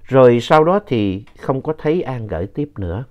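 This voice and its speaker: A man's voice: medium pitch, expressive, normal speed. A male storyteller reads out letters sent in by listeners. His voice climbs and swoops through the tense moments of each tale. The recording sounds dull and lo-fi. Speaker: ghost story narrator reading listener letters.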